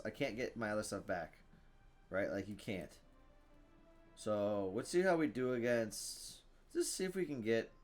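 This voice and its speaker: A man's voice: fairly low pitch, a little hiss or hum. A man casually commentating his own card game, thinking aloud, reading item text and groaning at bad luck. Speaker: gaming streamer.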